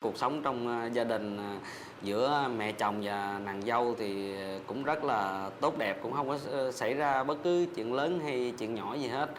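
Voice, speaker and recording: Hesitant man full of pauses. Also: medium pitch, noisy background. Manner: hesitant, halting with many fillers. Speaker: son and husband guest. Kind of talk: casual talk show chat.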